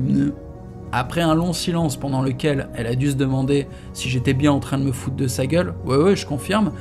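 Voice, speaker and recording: A man reading a novel aloud in the first person, in a casual, slangy storytelling manner. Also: mid-range voice. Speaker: audiobook reader.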